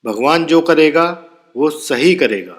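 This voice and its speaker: A man's voice: a little high, expressive, unhurried. A man voicing a sorrowful, patient and devout village father in a storybook tale, consoling in manner. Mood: sad resignation. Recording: long reverb, clear background noise.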